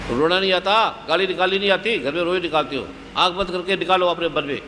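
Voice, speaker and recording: A man's voice: high voice, fast talker, bright, forceful tone, in a large hall, a little hiss or hum. A man who is a spiritual guru, giving guided meditation instructions to an audience in short, repeated commands. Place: large hall at a live gathering.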